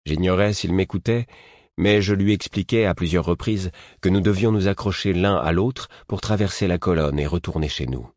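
A man with a very deep voice reads a first-person story aloud in a steady, measured way. The recording is dry and close, with no room sound. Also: dry recording. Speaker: audiobook narrator. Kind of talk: scripted first-person narration.

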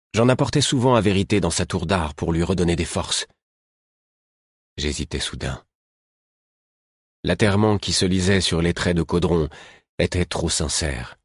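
Deep husky male narrator. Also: no echo, studio quality. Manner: measured, lively storytelling. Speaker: audiobook narrator. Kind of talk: scripted narration.

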